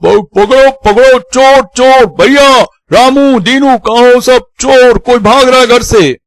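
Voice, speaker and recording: A man voicing an alarmed young college student in a horror story, shouting loudly and urgently for help. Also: very high-pitched, slow, no echo, voice pushed up, heavily acted.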